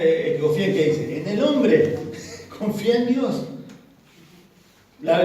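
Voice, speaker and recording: A woman's voice: lowish voice, mellow. A woman preacher, giving an emphatic sermon and asking the congregation questions. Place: church hall. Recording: echoey church hall, from far off.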